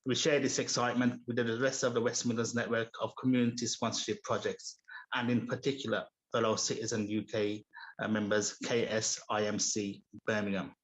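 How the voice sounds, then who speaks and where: A man speaking for his mosque community, giving a measured, read-out speech at a civic assembly. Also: fairly low pitch, little pitch movement, poor audio. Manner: measured, read-out delivery with small restarts.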